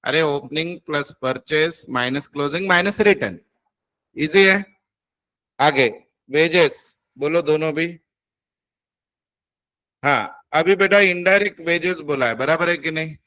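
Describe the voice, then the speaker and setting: A man's voice: on the high side, a little slow, pauses often, bright, forceful tone. Man teaching accounting class. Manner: coaxing, addresses students as beta, quizzes them. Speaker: accounting tutor.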